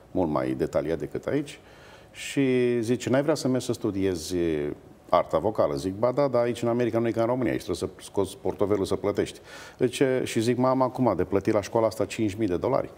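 Low-voiced man telling lively stories. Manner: animated anecdotes with hesitations. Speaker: guest, opera bass-baritone. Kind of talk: storytelling in a TV interview.

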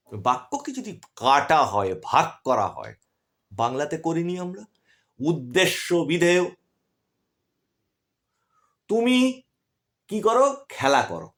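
A man with a Bengali accent teaching English grammar in an online class, asking his students questions and answering them himself. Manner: lively, rises and drops sharply in pitch, asks questions then answers them.

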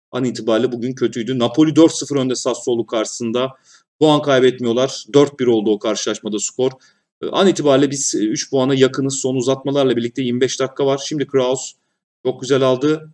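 A man commentating his own football management game, shouting at goals and grumbling at his players' mistakes. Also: medium pitch, far from the mic. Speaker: gaming YouTuber.

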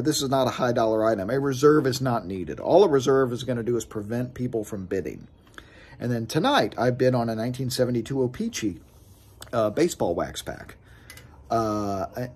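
Husky man ranting on his porch. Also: medium pitch, darkish tone. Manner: frustrated, talks with his hands. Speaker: sports card collecting vlogger. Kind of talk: casual vlog rant. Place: outdoor porch of a house. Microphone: phone camera close up.

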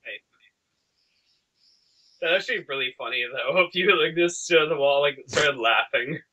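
A man's voice: a little high, brisk, background noise. A young man chatting casually in a group commentary over a voice call, acting out people in his stories. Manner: animated, acts out voices loudly in stories. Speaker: commentary co-host.

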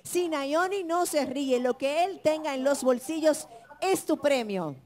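A Dominican woman co-hosting a TV game show, explaining the rules briskly. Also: high-pitched, animated, a little mellow.

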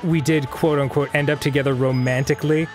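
A man's voice: mid-range voice, steady tone, fairly quick, soft background music. A man co-hosting a let's play, rambling through stories and laughing often. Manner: rambling storyteller, laughs often, mock-sings. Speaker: co-host. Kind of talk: let's play commentary, casual chat.

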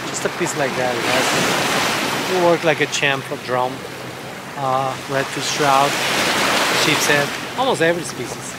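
Chatty fisherman over loud surf. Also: mid-range voice, a little slow. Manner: chatty, addresses viewers as guys, excited when a fish bites. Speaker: fishing vlogger. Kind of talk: casual outdoor fishing vlog. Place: rocky jetty on a beach by the sea, outdoors. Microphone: chest-mounted action camera. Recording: action camera by the surf, loud wave noise. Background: loud waves and wind.

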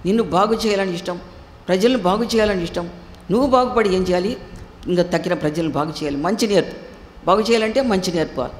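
A woman's voice: medium pitch, fast talker. A woman preacher delivering an emphatic sermon with a Telugu accent, repeating phrases and asking the listeners rhetorical questions. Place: church hall. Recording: echoey hall with faint noise.

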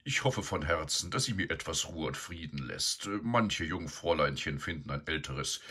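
A man's voice: very deep voice, animated, normal speed, sharp tone, slightly rough, full character voice. A man voicing a vain, pompous older boar who gets easily flustered. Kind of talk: storybook reading.

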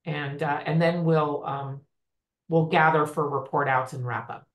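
A woman's voice: deep voice, fairly even intonation, measured pace. A woman co-organizing an online meeting, explaining the timing plainly with some fillers. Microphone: video call. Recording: roomy echo on call audio.

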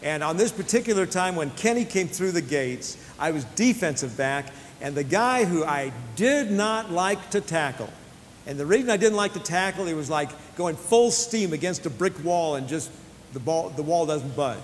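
A man with a slightly high voice speaks earnestly to athletes and weaves personal stories into a faith-based talk. He often restarts his phrases and leans on small fillers. The recording carries a long hall reverb and a faint low rumble underneath. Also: lively intonation, moderate pace.

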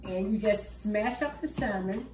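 At a measured pace and medium pitch, with background noise around her, an older woman leads a casual cooking demonstration. She talks through every step from her kitchen in a homey, easygoing way. The camera sits far off on the counter, leaving the sound roomy and distant.

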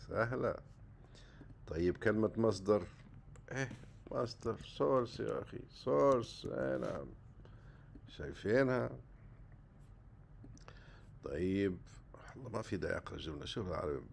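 A man runs a casual exam-prep vocabulary lesson, talking in a low, gravelly voice. He chats loosely and draws out each English word slowly. A faint hiss of noise sits under his voice. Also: a little mellow. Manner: casual, chatty, jumps between Arabic and English, slow deliberate English words.

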